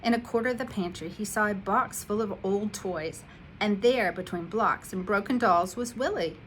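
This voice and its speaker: Female school coach reading a storybook to kids; lively, expressive read-aloud. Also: mid-range voice, moderate pace, slight background noise, low-quality recording. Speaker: instructional coach. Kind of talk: reading a picture book aloud to children.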